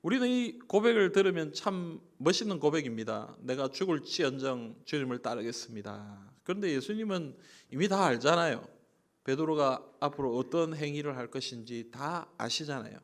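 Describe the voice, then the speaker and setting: A male pastor with a Gyeongsang Busan accent delivers a Sunday sermon in a fairly high voice. He talks like he is chatting with the congregation, then lifts into loud, emphatic lines before dropping to near-quiet asides. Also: lively intonation, normal speed. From Busan, South Korea. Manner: conversational preaching, swings from soft asides to emphatic rising lines. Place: church sanctuary.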